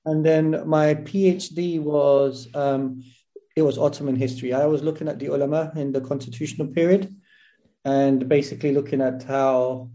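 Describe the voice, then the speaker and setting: A man's voice: on the high side, steady tone, normal speed, dark tone. A man with a South London accent giving conversational, explanatory interview answers, often restarting and correcting himself as he goes. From South London, England. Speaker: interview guest, academic historian.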